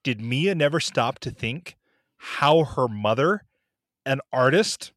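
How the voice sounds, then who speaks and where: Animated, wry man with a lively voice. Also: mid-range voice, slow, no echo, studio quality. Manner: animated, wry, critical, puts on quoted voices. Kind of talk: casual movie discussion.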